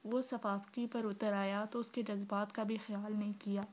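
A woman's voice: mid-range voice, little pitch movement, normal speed, a little mellow. Woman steadily reading a novel aloud. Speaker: narrator.

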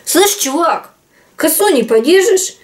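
A woman's voice: extremely high pitch, animated, unhurried, pitched above the performer's own voice. A woman voicing Death as a tired, slangy female reaper who sighs and talks in an exasperated way. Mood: weary.

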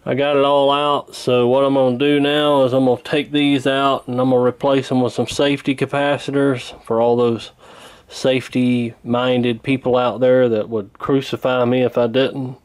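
A radio repairer hosts a casual, hands-on repair at an indoor workbench, narrating as he goes. His mid-range voice is clear and resonant, with little pitch variation, normal speed and few pauses. A handheld camera near the bench records him, and its mic picks up noticeable background noise.

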